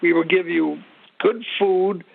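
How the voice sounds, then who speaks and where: Speaking slowly in a steady, high-pitched, gravelly voice, a retired sergeant major who is an older American offers informal expert commentary as an interview guest. His style is blunt and emphatic with short, repeated phrases, heard through tinny, narrow phone-line radio audio.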